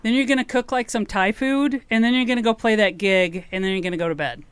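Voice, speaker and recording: Brief: Minnesotan radio host, chatty and joking, smooth close-miked voice. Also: mid-range voice, quick pace, fairly bright tone, no echo. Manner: chatty, joking, easy laughter. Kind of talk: casual radio interview.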